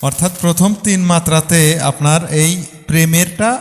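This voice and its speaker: A man with a Bangladeshi Bengali accent teaching a music lesson, patiently explaining the rhythm, counting beats aloud and singing short phrases slowly. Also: a little high, fairly even intonation, in a large hall.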